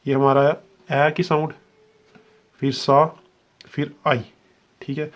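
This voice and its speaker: A man's voice: a little high, flat delivery. A man teaching a shorthand lesson step by step, patiently spelling out each sound and checking understanding. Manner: patient, repeats "ठीक है" and spells sounds out slowly.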